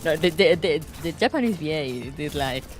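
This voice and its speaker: A game streamer with a low voice and lively intonation talks at a moderate pace, giving casual, rambling commentary while playing through a video game. She reads the dialogue aloud over soft background music.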